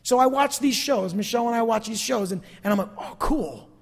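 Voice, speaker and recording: A pastor preaches a sermon to a congregation, emphatic yet conversational, repeating phrases for emphasis before closing in prayer. His voice is very high-pitched, gravelly, and fairly quick, with a long hall reverb on the recording.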